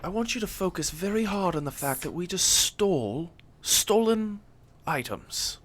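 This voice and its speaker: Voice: mid-range voice, expressive, unhurried. A player speaking in character in a tabletop role-playing game, using a haughty, formal noble tone.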